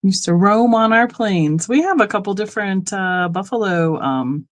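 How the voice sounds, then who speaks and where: A chatty middle-aged woman from Colorado, United States, hosts a casual live-stream sale, wandering into rambling asides with frequent ums and laughs. Her voice is medium-pitched and animated, at a moderate pace.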